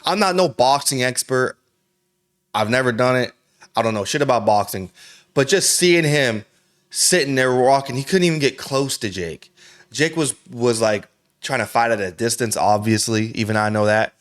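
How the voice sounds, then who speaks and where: A man's voice: mid-range voice, normal speed, fairly bright tone. A man hosting a reaction video, talking casually in slangy, profane, rambling speech and saying "bro" constantly. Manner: rambling, with frequent restarts.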